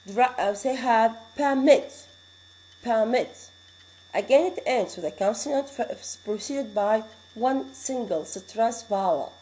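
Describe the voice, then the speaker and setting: A woman's voice: a little high, dark tone, poor audio. Arabic-accented woman teaching English grammar. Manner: explains slowly, repeating words and reading out examples; switches into Arabic to explain. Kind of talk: classroom lecture.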